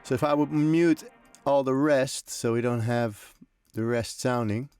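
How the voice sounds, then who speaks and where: Over electronic drum and synth loops, a man with a mid-range voice talks at a measured pace as he hosts a music production tutorial. His explanations are casual and delivered while he demonstrates, with loose, chatty, frequently hesitant wording.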